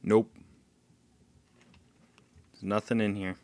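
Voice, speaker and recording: A man's voice: on the low side, little pitch movement, takes it slowly, a little mellow. A man commenting casually on a stealth game as he plays, swearing and laughing at his own failures. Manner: frustrated outbursts, swearing, laughing at himself. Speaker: gameplay streamer.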